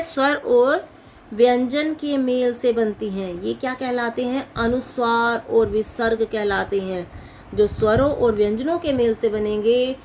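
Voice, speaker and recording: A woman's voice: fairly high pitch, slight background noise. A woman explaining grammar as a teacher, asking questions and answering them herself and repeating key points. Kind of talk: classroom-style explanation.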